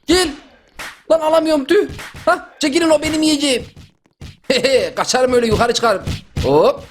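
A young man doing a comic dub over gameplay, excitable and yelling in slang. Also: very high-pitched, normal speed, slight background noise. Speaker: gaming YouTuber.

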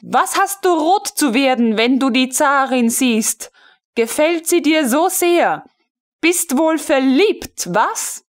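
A woman reading a jealous, imperious young female colonel in an audiobook, scolding sharply in a high voice. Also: expressive, slow pace.

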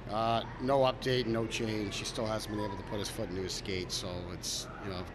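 A man in his forties, a hockey head coach, answering reporters after a game in a measured, self-critical way with many fillers and restarts, into a cluster of handheld mics. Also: on the low side, level tone, heavy background noise. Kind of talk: post-game media scrum. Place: arena media backdrop, indoors. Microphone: cluster of handheld recorders and mics.

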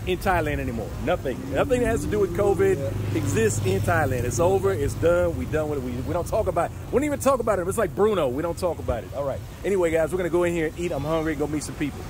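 A man's voice: on the high side, lively intonation, fast, very noisy. A man hosting his own vlog, chatting and joking with people as he films from a camera held at arm's length in a busy bar. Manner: teasing, playful, upbeat. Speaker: vlogger host. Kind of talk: casual vlog chat and joking commentary. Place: busy bar with pool tables, partly open-air. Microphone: handheld camera at arm's length. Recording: loud crowd chatter behind.

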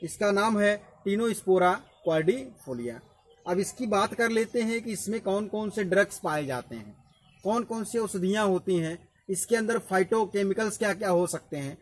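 A man's voice: sits high, animated, moderate pace. A man giving a patient educational explainer, repeating key terms as he teaches outdoors. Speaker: educational presenter.

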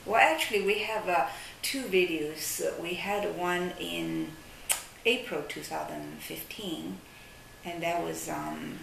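Low gravelly-voiced woman, hesitant, in echoey office. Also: slow pace. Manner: hesitant, searching for words with many fillers. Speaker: caviar company representative. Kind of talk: interview, product explanation. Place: sunlit office at a desk. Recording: echoey room, distant mic, faint hiss.

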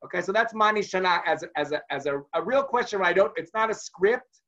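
A man gives an online lesson over a video call, his voice sitting high for a man. He keeps it conversational and acts out the quoted lines in small voices. The audio is dull and lo-fi. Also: lively intonation, quick pace, pushed and bright. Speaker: rabbi teaching a class. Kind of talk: online lecture.

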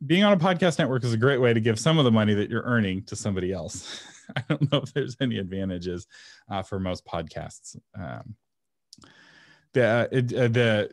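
A man's voice: on the low side, animated, brisk, no room sound, studio quality. A man presenting a webinar and answering audience questions in a casual, frank way, often laughing and sometimes breaking into a passionate rant. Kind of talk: casual Q&A teaching.

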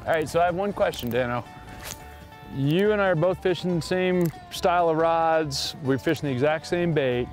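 A middle-aged man talks casually from a boat out on a lake, keeping up a running chatty commentary for his viewers. His voice sits a bit high for a man. Soft music plays faintly behind him. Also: normal speed. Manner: chatty, addresses viewers as guys. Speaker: fishing show host. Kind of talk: casual on-the-water fishing commentary. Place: on a fishing boat on a lake, outdoors.

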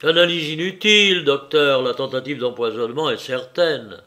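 A man reading an audiobook voicing a commanding gentleman thief who questions sharply and urgently. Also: medium pitch, normal speed, lightly acted.

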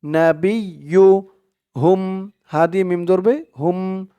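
A man with a high, smooth, resonant voice leads a Quran reading lesson. He chants each word slowly and loudly, then drops into soft, rapid explanation of the rules. The sound is dry and close, with no room echo. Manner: chants Arabic slowly and louder, explains rules quickly and softly. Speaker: Quran recitation teacher.

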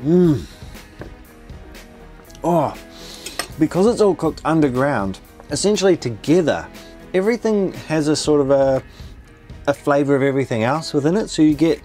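A man's voice: fairly high pitch, lively intonation, unhurried, long pauses, a little mellow, soft background music. A man, hosting a food vlog, eagerly explaining dishes as he eats inside a camper van. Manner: enthusiastic, explains dishes while eating. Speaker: food vlogger host. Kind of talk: casual food vlog narration.

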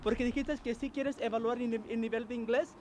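A man's voice: very high-pitched, steady tone, fairly quick, noisy background. A man hosting a playful street quiz show, teaching English and teasing as he switches between Spanish and English.

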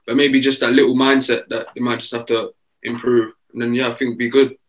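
Eighteen-year-old footballer on a video call. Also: male voice, mid-range voice, fairly quick, poor audio. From England. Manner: relaxed, easygoing, many fillers. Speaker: footballer guest. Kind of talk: casual interview answers. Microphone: video call webcam.

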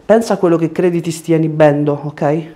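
During a treatment session in a small indoor room, a chiropractor in his thirties gives brisk, short directions and explanations to his patient. His slightly high voice is warm and steady in tone, and the lapel mic catches clear room noise in the background.

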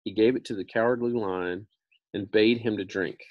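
A man in his thirties reads a kids' book out loud, weaving in informal explanatory asides and a bit of repetition in a casual manner. His voice sits on the low side with fairly even intonation at normal speed; there's no echo, but the highs are cut off.

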